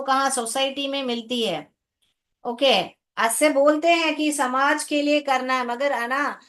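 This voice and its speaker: A woman's voice: fairly high pitch, a bit bright. A woman teacher explaining an English lesson to her class, patiently sounding out words and asking her students questions. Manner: patient, calls students "beta", asks checking questions.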